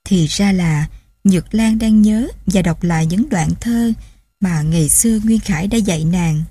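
A woman narrates a novel in steady, emotive storytelling. Her voice is mellow and husky, at a middle pitch. It is recorded close and dry. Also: a little slow, no echo. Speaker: audiobook narrator. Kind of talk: scripted narration.

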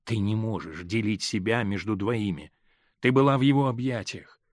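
A male reader voicing a hurt, stern middle-aged husband in an audiobook, speaking in a measured, grave way that holds back pain. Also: on the low side, no echo, studio quality, natural voice. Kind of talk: audiobook character reading.

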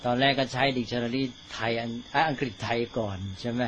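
A man, a Buddhist monk, giving an informal dharma teaching to fellow monks in a slow, deliberate way, often checking that his listeners follow. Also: mid-range voice, fairly even intonation, a bit bright, highs cut off, a little hiss or hum.

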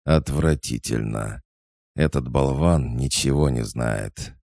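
Guy doing a creepy mocking kid brother, gravelly, slow and sneery. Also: extremely low pitch, a little mellow, dry recording, studio quality, pitched above the performer's own voice, heavily acted. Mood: sneering. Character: creepy taunting boy, a dream-haunting brother.

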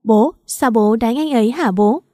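A woman's voice: a little high, normal speed, warm tone, no echo, studio quality, lightly acted. A woman voicing a scheming, brazen pregnant young woman who taunts and laughs scornfully, in a storybook reading. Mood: pleading.

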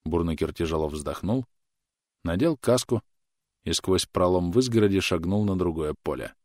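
A man narrating an audiobook in a measured, even storytelling manner. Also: deep voice, no echo, studio quality. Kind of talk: scripted narration.

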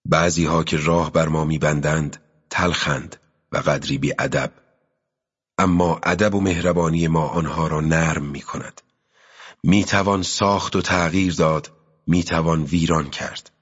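Deep husky male audiobook narrator. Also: fairly even intonation, a bit bright. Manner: slow, measured literary reading with pauses. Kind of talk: scripted narration of a novel. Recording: dull lo-fi audio with long reverb.

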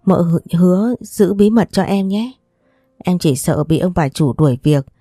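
A woman's voice: on the low side, lively intonation, unhurried, dark tone, dry recording, studio quality, soft background music. A woman voicing a frightened young servant girl who stammers and pleads.

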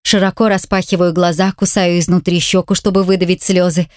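A woman narrates a first-person audiobook in a tense, measured way. Her voice is on the low side, recorded close and completely dry. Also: little pitch movement, a little mellow, no room sound.

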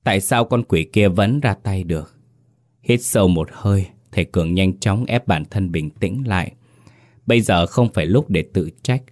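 A man with a very deep voice narrates a ghost story. He reads in a measured, suspenseful way. His low register stays steady throughout. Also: dry recording, clean studio sound. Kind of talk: scripted horror story narration.

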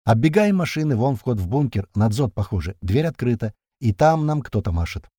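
A man's voice: medium pitch, sing-song, dark tone, slightly rough, dry recording, clean studio sound. A man narrating a first-person war story in slangy, swearing action prose. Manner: slangy, swearing, fast-moving action telling. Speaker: audiobook narrator.

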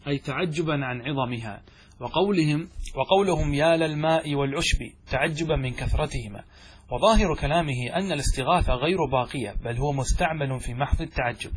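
A man's voice: a little high, breathy edge. A man teaching a classical Arabic grammar text, reading lines aloud and explaining them, often asking questions and answering them himself. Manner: slows and stretches example phrases.

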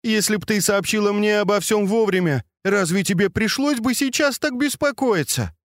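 A man reading an audiobook and voicing a proud, sharp-tongued noblewoman of a grand household who scolds with biting, mocking questions. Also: a little high, big pitch swings, normal speed, no room sound, studio quality, pitched above the performer's own voice. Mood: furious scolding.

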